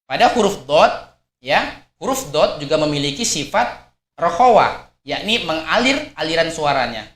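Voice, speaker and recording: A man's voice: a little high, sing-song, normal speed, fairly bright tone. A man teaching a Quran recitation lesson. He explains patiently, repeats his points, and models each sound aloud. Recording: echoey room.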